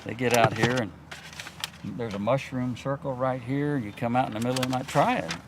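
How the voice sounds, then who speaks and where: A man in his sixties who works at an airport and flies as a pilot tells his story in an interview, speaking casually, earnestly and folksily in a mid-range voice at a fairly quick pace. He's outdoors in a grassy wooded clearing, and the noisy field recording picks up a faint vehicle hum.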